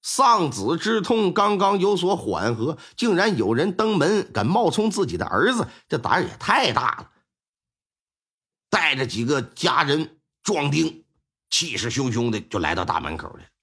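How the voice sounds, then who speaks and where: A male storyteller narrates in a folksy, lively manner. His voice sits high and husky. His pitch leaps around with great animation. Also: unhurried. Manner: colloquial, lively. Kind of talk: storytelling performance.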